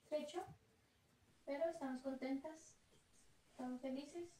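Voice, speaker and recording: A young woman vlogger with a Colombian Spanish accent chats reflectively about travel, laughing easily in a casual conversation. Her voice is high, mellow and unhurried, recorded in an echoey room with faint noise.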